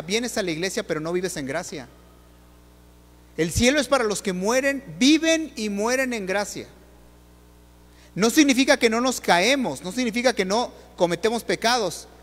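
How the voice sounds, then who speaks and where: A man preaching a sermon, firing rhetorical questions straight at the congregation. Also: high-pitched. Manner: questions the audience directly, rhetorical and animated. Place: church. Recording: long hall reverb.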